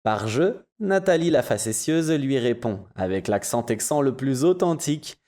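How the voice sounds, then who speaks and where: A man narrating an audiobook in a measured storytelling manner. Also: mid-range voice, animated, mellow.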